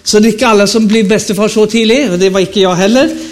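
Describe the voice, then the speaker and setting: Preaching at a revival meeting, this Stockholm-accented Swede in his fifties keeps his sermon light with jokes and chatter and keeps asking the audience questions. His voice sits high.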